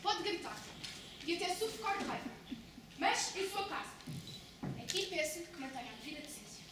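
A proud, quarrelsome young landowner's daughter, played by a woman with a European Portuguese accent in a stage play. Her voice is very high and sounds distant across a very echoey hall. Noise hums underneath. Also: sing-song, normal speed. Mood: defiant. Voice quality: sharp, contrary. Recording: echoey hall from far off, noisy.

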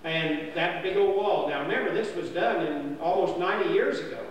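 An older man with a high voice, a camp storyteller, tells a folksy history tale at normal speed, rambling and homespun with plenty of fillers and restarts. He's recorded indoors in a dining hall by a distant camera, so the lo-fi sound carries roomy hall echo and a faint hum.

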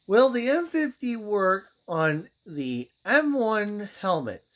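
A young man giving a casual gear test to camera in a halting way, as a vlogger indoors. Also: high voice, big pitch swings, a bit bright. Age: young adult. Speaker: vlogger testing military gear. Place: small room indoors. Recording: slightly dull home recording.

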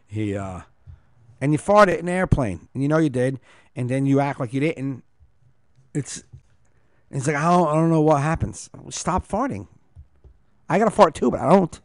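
A man's voice: medium pitch, sing-song, moderate pace, pauses often, dry recording. New Jersey man telling comic stories, dry sound. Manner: mimics and teases his friend, exasperated comic delivery. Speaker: comedian podcast host. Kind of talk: comic storytelling, casual chat.

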